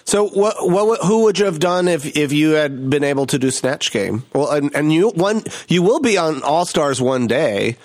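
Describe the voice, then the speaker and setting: A man's voice: fairly high pitch, expressive, moderate pace, hardly any pauses, no room sound. A man chatting casually as an interviewer, eagerly putting and rephrasing questions and offering his own takes. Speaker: interviewer, co-host. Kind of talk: casual chat.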